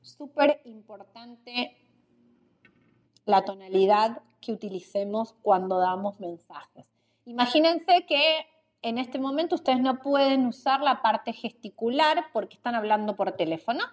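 A woman hosting an instructional podcast, explaining communication skills in a clear, measured, teacherly way with rhetorical questions. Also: a little high, expressive.

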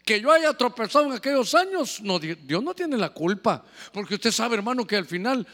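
Pastor guy preaching, high voice, fervent then chatty with the church. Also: big pitch swings, moderate pace, a bit bright, big-room sound. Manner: impassioned preaching mixed with chatty asides to the congregation. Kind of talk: sermon.

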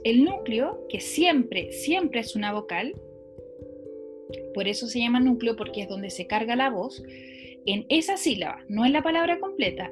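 A woman teaching a lesson, explaining step by step and quizzing a student with questions. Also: fairly high pitch. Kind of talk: lecture on phonology.

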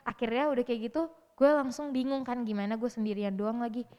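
Young woman, animated slangy storyteller, slightly high voice, long reverb. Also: brisk. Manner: lively slangy storytelling, acting out quotes. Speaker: interview guest. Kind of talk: casual storytelling chat.

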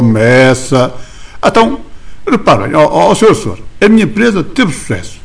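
A man with a European Portuguese accent performs a comic monologue as an indignant small-business owner on the phone, stammering and insisting. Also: a little high. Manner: stammering, insistent, repeats "menina" and "senhor assessor". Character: indignant small-town male business owner phoning a ministry. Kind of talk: comic monologue, one side of a phone call.

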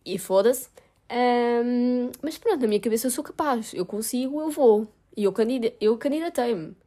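A woman's voice: on the high side, expressive, normal speed, mellow. A young woman with a European Portuguese accent, talking frankly and self-mockingly in a casual vlog, swearing freely. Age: young adult. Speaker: vlogger.

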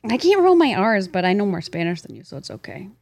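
A woman co-hosting a casual chat, answering with teasing, quick retorts. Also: mid-range voice, wildly swooping pitch, creaky, darkish tone, no room sound.

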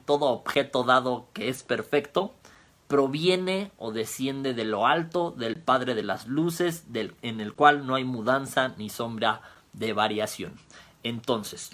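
A man's voice: medium pitch, a bit bright. Man preaching a Bible lesson. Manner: explains word roots step by step, repeats key phrases. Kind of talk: Bible teaching sermon. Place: home, via online stream.

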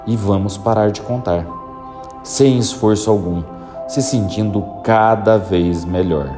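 A man guiding a listener through a hypnosis induction with slow, soothing, repetitive instructions. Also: lowish voice, over music.

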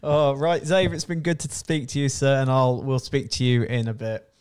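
Male British host, average pitch; casual, courteous chat with callers. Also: flat delivery, normal speed, darkish tone, smooth. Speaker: show host.

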